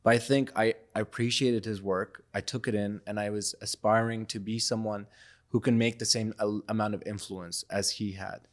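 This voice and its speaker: A man's voice: on the low side, fairly even intonation, normal speed. A young man from Iraq, a photographer and podcast guest, speaking in a reflective, loose, conversational way. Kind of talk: casual interview talk.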